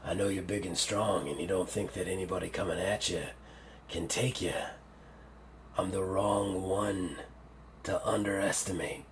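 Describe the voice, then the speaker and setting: A man voicing a menacing male octopus mutant in a tabletop game, speaking in a low, slow, threatening drawl. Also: fairly even intonation, a little hiss or hum, natural voice.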